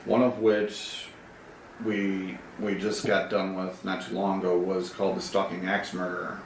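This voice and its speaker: An actor guests on a podcast, chatting in a laid-back, rambling way and laughing often. His voice sits low, monotone and unhurried. The mic is distant and the room roomy, with faint hiss.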